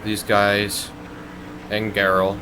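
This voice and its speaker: A young man hosting a gaming channel, giving casual, chatty gameplay commentary that rambles with fillers and turns excitable. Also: fairly low pitch, takes it slowly, background noise. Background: game music.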